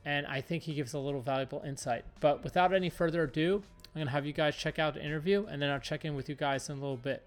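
A man's voice: fairly high pitch, fast, few pauses, soft background music. A man hosting a podcast, talking casually with lots of fillers as he introduces an interview and asks questions. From Southern California. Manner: relaxed, filler-heavy rambling. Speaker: podcast host.

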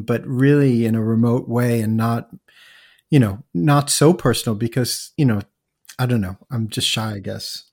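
A man hosting a casual interview and asking a guest about her cooking in a relaxed way. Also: medium pitch, breathy edge. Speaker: host.

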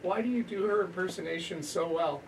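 A man's voice: high-pitched, fairly quick, creaky, recorded from a distance. Male podcast host, casual sports chat, rambling, heard from off-mic with faint noise. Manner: rambling, lots of restarts and laughter.

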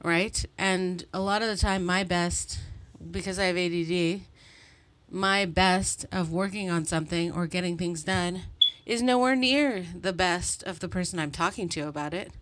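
Woman, 30s, from Montreal, solo podcast host; slightly low voice, casual, rambling, self-deprecating. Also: normal speed, fairly bright tone, a little hiss or hum. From Montreal, Canada. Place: bedroom at home.

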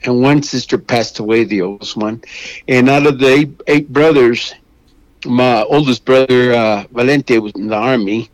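An older man from Mexico speaks as a guest on a radio show. He talks haltingly and keeps restarting his sentences. His voice sounds dry and close. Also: medium pitch, steady tone, no echo, poor audio. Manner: halting, with many restarts and fillers. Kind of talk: phone interview.

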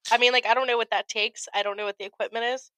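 A woman's voice: a little high, fairly even intonation, rapid-fire, sharp tone, no room sound, rough recording. Congested woman in casual podcast chat. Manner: chatty, laughs often. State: congested from a cold. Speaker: podcast co-host. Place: home podcast studio.

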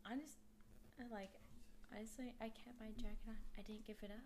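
Woman, casual storyteller, rambling and lively, higher voice, noisy room. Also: a little fast. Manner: rambling, animated storytelling with many restarts. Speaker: storyteller among friends. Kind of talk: casual chat.

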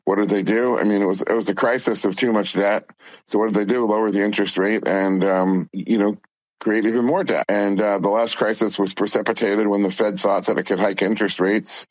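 A man's voice: fairly low pitch, fairly even intonation, fairly quick, no room sound, poor audio. A man speaking as an interview guest, explaining things conversationally. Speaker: interview guest, company founder and CEO.

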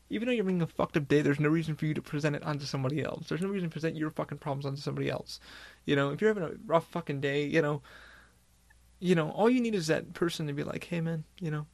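A male podcast host talking alone in a loose, rambling way, swearing constantly. His voice sits a little high for a man, with a rough, gravelly fry running through it. He sounds like he is chatting off the cuff rather than reading. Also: fast talker. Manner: rambling and heavily profane. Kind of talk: casual monologue.

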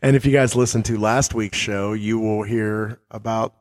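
A man's voice: fairly low pitch, fairly even intonation, normal speed, dry recording. A man co-hosting a podcast, chatting casually in a laid-back, joking way. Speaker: podcast co-host. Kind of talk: casual chat.

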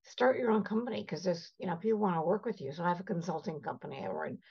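A woman's voice: on the low side, fast, gravelly, dark tone, husky. An older woman guest, born in Egypt and raised in Canada, telling stories in an emphatic, passionate way. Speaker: privacy expert guest. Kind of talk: conversational storytelling. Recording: slightly dull lo-fi audio.

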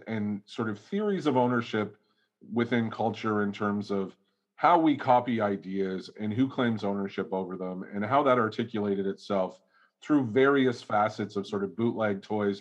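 Male podcast guest, low voice, hedging academic ramble, casual chat. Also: normal speed, dull audio. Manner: rambling academic explaining, many hedges. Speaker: guest toy researcher.

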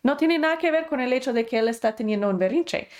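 A woman's voice: high-pitched, expressive, fast talker, a little mellow. A woman instructor giving an online class, explaining patiently and acting out inner voices.

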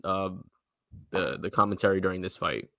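A man's voice: deep voice, normal speed, creaky, sharp tone, no echo, clean studio sound. A man co-hosting a casual post-fight show, talking in a laid-back way with casual slang. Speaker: co-host.

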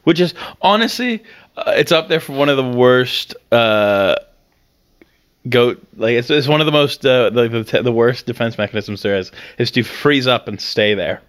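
A man's voice: mid-range voice, lively intonation, normal speed, fairly bright tone. A young man co-hosting a casual podcast, telling rambling stories full of laughter and swearing. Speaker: podcast co-host. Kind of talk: casual chat.

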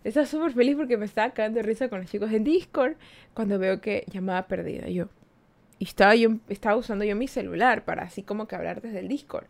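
A young woman hosting a podcast, telling a personal story in a casual, animated way and acting out what people said. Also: mid-range voice, fast talker, gravelly. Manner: animated, chatty, acts out quoted dialogue. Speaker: podcast host.

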